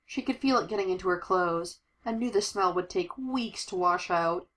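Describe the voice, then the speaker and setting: A woman reading a superhero story aloud, giving the characters lively voices. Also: fairly low pitch, normal speed, poor audio. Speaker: audiobook narrator.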